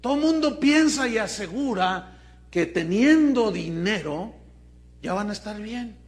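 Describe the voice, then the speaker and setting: A man's voice: high voice, animated, unhurried. A man with a Mexican accent preaching a sermon to his congregation, emphatic and full of questions to the listeners. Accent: Mexican Spanish. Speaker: pastor.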